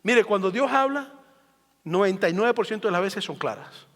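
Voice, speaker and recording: A pastor with a notably high voice preaches an emphatic sermon, stacking phrase upon repeated phrase to drive each point home. His voice rings out with a long reverb tail, as in a large church sanctuary. He shifts between quiet asides and strong, rising emphasis. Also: animated, normal speed.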